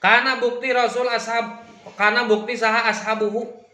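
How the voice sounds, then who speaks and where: A man's voice: extremely high pitch, little pitch movement, moderate pace, pushed and bright, reverberant. A man with a Sundanese accent teaching a religious study class, reading Arabic text and explaining it phrase by phrase.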